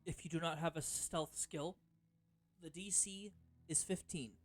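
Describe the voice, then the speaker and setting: Man, game master, tabletop narration, rambling, fillers, slightly high voice. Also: fairly even intonation, unhurried. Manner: rambling, with many fillers and self-corrections.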